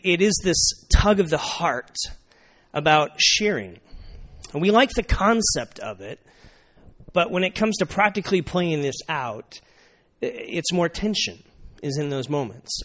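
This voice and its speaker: A man's voice: a little high, fairly bright tone. A young adult man preaching a sermon to a congregation in a conversational way, often asking the audience "right?" and repeating his key lines. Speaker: pastor.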